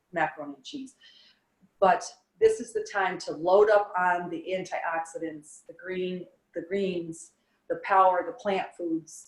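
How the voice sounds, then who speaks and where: A woman, a yoga and fitness instructor, eagerly giving wellness advice in a casual interview. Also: fairly low pitch. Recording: roomy echo.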